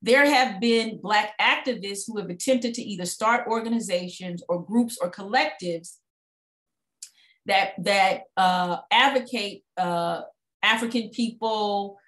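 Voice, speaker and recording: A woman giving a lively guest talk on a video call, telling stories with laughs and asides. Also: mid-range voice, a little slow, roomy sound. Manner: animated storytelling with laughs and asides. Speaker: guest speaker.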